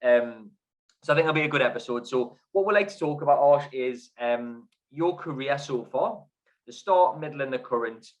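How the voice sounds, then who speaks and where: A man's voice: mid-range voice, normal speed, rough recording. Chatty male podcast host. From Newcastle area lived. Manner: chatty, friendly, laughs easily. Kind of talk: casual interview.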